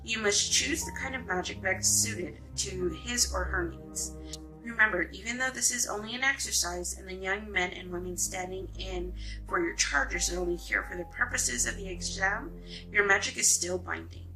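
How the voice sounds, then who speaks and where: A woman reading aloud voices a wise female fairy godmother who instructs her students formally and in measured tones. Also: mid-range voice, over music, natural voice, low-quality recording. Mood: instructive.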